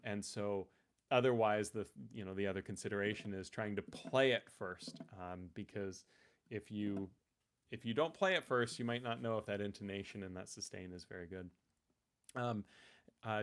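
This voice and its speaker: Chatty male ukulele teacher on a live stream. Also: fairly low pitch. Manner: relaxed and chatty, many ums and restarts.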